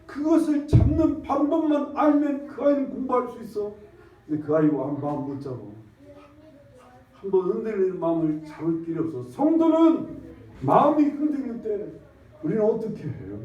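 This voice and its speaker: High-voiced pastor in an echoey church. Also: male voice, expressive. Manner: peppers talk with questions to the congregation; folksy, repetitive, drawn-out emphasis. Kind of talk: conversational sermon. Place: church sanctuary. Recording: echoey, distant, dull lo-fi church recording.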